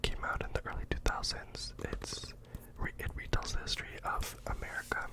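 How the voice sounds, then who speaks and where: Whispered role-play: deadpan librarian recommending books, fully breathy whisper, mock-earnest, slightly hesitant. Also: fairly quick. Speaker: ASMR performer playing a librarian recommending books.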